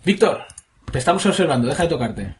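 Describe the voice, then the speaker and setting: A man's voice: fairly high pitch, sing-song, fast talker, a little hiss or hum. A man hosts a casual podcast in a slightly raised voice. He reads listener comments aloud with crude, jokey banter.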